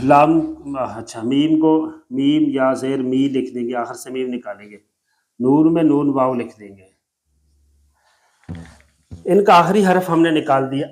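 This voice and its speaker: A man with a Pakistani Urdu accent teaching Quran recitation, drawing out single letters slowly and explaining patiently. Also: fairly high pitch, a little mellow. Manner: slow drawn-out letter demonstrations, patient explaining. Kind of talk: explanatory tajweed lesson.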